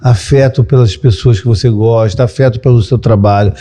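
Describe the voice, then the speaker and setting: A man's voice: mid-range voice, steady tone, normal speed, warm tone. A Brazilian man with a Brazilian Portuguese accent, hosting a podcast interview in a casual, motivational way and dotting his talk with "né" and "entendeu". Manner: motivational, leans on "né" and "entendeu" fillers. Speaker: podcast host, therapist.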